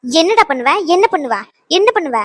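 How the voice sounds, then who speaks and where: A woman's voice: extremely high pitch, animated, moderate pace, a bit bright, no echo. A woman as a scornful young cartoon wife. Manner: mocking, contemptuous.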